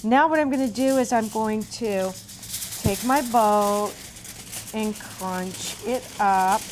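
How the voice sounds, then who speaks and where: A woman's voice: mid-range voice, slow. A woman hosting a casual cooking demonstration, chatting through each step with folksy asides. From Cape Cod, also grew up partly in Berlin in a US military family. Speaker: cooking show host. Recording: noticeable background room noise.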